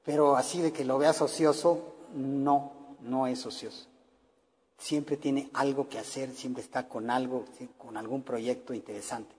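Slow-talking Mexican man preaching. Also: mid-range voice, fairly even intonation, a little mellow, big-room sound, slight background noise. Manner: earnest, personal, many fillers. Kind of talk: sermon to parents.

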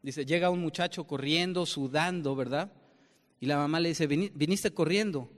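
A man preaches with a fairly high voice, and a long reverb hangs on his words as the sound rings through a large hall. He keeps turning to his listeners with questions and explains with plain everyday examples. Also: steady tone, moderate pace. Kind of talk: sermon.

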